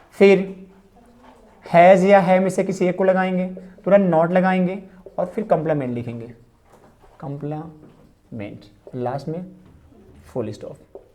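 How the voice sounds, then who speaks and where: A woman teaching a grammar lesson to students, repeating key phrases slowly and asking rhetorical questions as she explains. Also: on the low side, warm tone.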